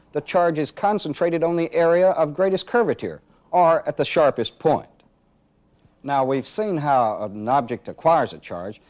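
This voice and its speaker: A man whose voice is on the high side but darkish in tone works as a training film instructor, narrating a live demonstration. He goes through it methodically, one step at a time, and asks rhetorical questions. The recording sounds dull and band-limited, like a 1980s training film.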